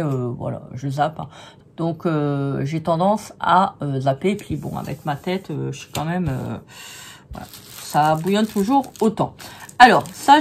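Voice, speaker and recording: Woman vlogger, hoarse, low-pitched and chatty, reviewing craft supplies with faint background noise. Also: a little mellow. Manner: chatty and gushing, many hesitations. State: hoarse, losing her voice. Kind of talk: casual product review vlog.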